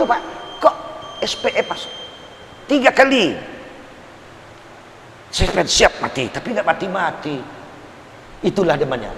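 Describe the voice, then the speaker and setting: Older preacher in an echoing mosque hall. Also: male voice. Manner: storytelling, swinging from loud outbursts to low asides. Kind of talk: mosque study-circle sermon. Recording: hiss, long reverb in a hall.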